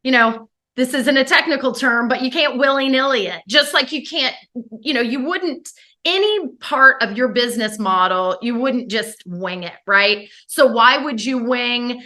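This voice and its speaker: Bright, forceful woman in an interview. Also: on the high side, unhurried. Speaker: interview guest, hospitality sustainability expert. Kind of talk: conversational interview answers.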